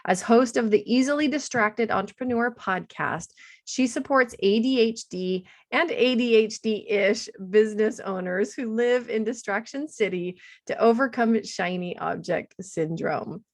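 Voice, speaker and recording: A middle-aged woman hosting a podcast interview, chatty and enthusiastic, laughing often. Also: mid-range voice. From United States, Seattle-based. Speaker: podcast host, attorney. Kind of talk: casual interview chat.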